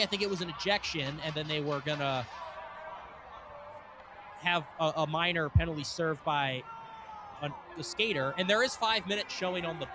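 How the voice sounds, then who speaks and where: A man calling a live hockey game from an arena booth, excitable and laughing often as he thinks aloud. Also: on the high side. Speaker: play-by-play commentator. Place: ice arena broadcast booth. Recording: noisy arena broadcast.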